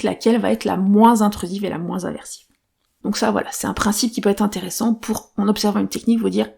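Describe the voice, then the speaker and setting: A woman's voice: mid-range voice, creaky, a little mellow, slightly rough. A woman hosting her own podcast, explaining ideas in a casual, thinking-aloud way with frequent fillers and restarts. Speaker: podcast host. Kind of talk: solo podcast talk.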